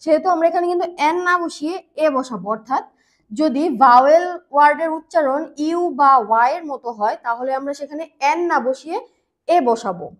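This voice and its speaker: A woman teaching English grammar in a patient, repetitive way, slowing down on key words and using fillers. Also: high voice. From Bangladesh. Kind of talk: grammar lesson explanation.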